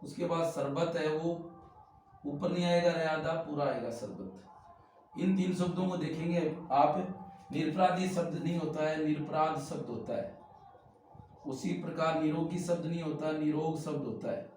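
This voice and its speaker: A man's voice: on the high side, measured pace, a little mellow, slight background noise. A man teaching Hindi spelling to exam students, explaining each word as he writes it on a board. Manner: explains while writing on a board, repeating words. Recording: very echoey room, mic far off.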